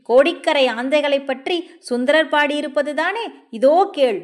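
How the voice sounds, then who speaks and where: A woman's voice: sits high, measured pace, voice pushed up. A woman playing a spirited young boatwoman. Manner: sharp and lively, raising her voice. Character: spirited young boatwoman, quick-tempered and playful.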